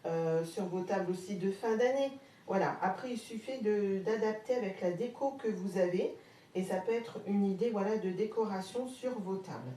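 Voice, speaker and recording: A woman's voice: mid-range voice, moderate pace, warm tone. Chatty woman with a Haute-Marne accent. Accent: Haute-Marne French. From France. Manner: chatty, hesitant with many fillers, greets viewers. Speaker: craft live-stream host. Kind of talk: casual live crafting demo. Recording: roomy, distant, faint background hum.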